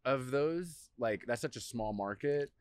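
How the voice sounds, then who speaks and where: A man's voice: medium pitch, animated, a little slow, clear, resonant tone, dry recording. Laid-back guy, casual guest chat. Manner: laid-back, says "bro" and "dude". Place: restaurant.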